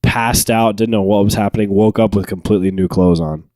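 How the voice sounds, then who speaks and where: A young man co-hosting a podcast, telling stories animatedly, laughing and jumping into high quoted voices. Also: fairly even intonation, brisk, warm tone, dry recording, studio quality. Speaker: podcast co-host. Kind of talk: casual storytelling chat.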